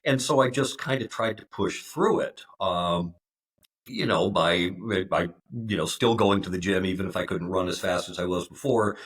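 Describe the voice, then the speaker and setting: A man in his fifties, a podcast guest, speaking in a halting way with many fillers and restarts. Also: deep voice. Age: 50s. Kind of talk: conversational interview.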